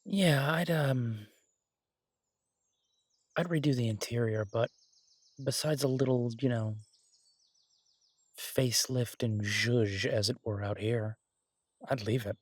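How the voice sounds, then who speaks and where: A man performs as a relaxed, sincere chef boyfriend in an intimate roleplay audio drama, casually enthusiastic as he talks in a halting, husky, reassuring way. His voice is medium-pitched and the recording is dry.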